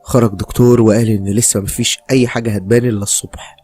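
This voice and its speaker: A man's voice: lowish voice, steady tone, racing, warm tone, slightly rough, soft background music. A man with an Egyptian accent narrating a dramatic first-person crime story.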